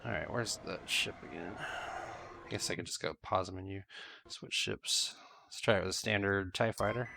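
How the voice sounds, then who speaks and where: A man's voice: deep voice, moderate pace, gravelly, sharp tone. A man with a stuffed-up voice from a cold, casually thinking aloud as he comments on his gameplay. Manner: musing, thinking aloud while flying.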